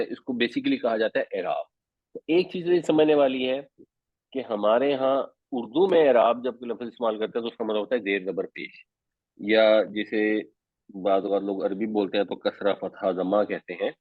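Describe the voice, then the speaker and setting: A man teaches Quran commentary and Arabic grammar, explaining step by step and slipping English words into his Urdu. His voice sits at an ordinary middle pitch. The sound is dry and narrow, like a phone line. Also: no echo. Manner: patient explaining, mixes English terms into Urdu.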